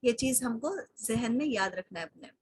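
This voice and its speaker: A woman teaching an online English lesson in Hindi, slowly spelling out and repeating words and mixing English into her explanations, heard through a computer mic on a video call. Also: fairly high pitch, expressive, slightly rough.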